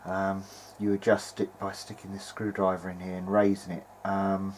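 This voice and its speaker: Slight background noise accompanies this man's low voice, delivered completely flat at a normal speed. He's a vintage hi-fi enthusiast talking through a hands-on repair in his own video diary, hesitating and half muttering to himself as he goes.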